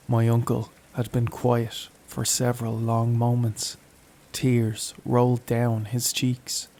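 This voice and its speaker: A man narrating a horror story in a slow, even, somber read. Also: medium pitch, gravelly. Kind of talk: scripted narration.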